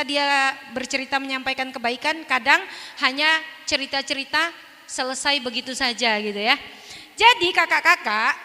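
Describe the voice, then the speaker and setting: Casting: a woman workshop teacher, very bright and high, lively and chatty, recorded in an echoing hall. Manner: lively, chatty, demonstrates as she talks. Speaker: ventriloquism instructor.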